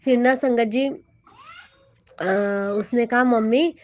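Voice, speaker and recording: Emotional woman telling her devotional story, kinda high voice, dull dry lo-fi audio. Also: a little slow, darkish tone. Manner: earnest and emotional, often addresses listeners as sangat ji. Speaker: devotee sharing her experience. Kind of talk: personal devotional testimony.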